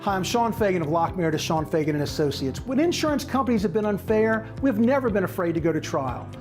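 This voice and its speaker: Man, lawyer ad read, confident, lively pitch. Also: fast, music in the background. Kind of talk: read radio advertisement.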